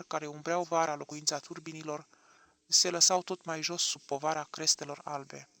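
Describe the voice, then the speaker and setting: Creaky, bright-voiced male narrator. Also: high voice, no room sound. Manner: expressive, dramatic reading. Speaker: audiobook narrator. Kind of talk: audiobook narration.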